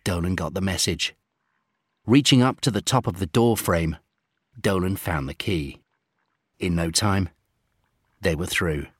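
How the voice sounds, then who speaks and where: Storyteller: a man with a low, husky voice, recorded close and dry. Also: measured pace, long pauses, no echo. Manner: steady, gently dramatic reading. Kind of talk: storybook narration.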